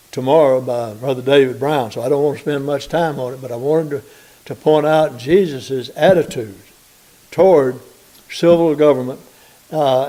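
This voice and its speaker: An American man preaching a sermon, reading scripture aloud and slowing down deliberately to stress key points. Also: mid-range voice, dark tone, low-quality recording. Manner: deliberate, slows for emphasis, reads scripture aloud.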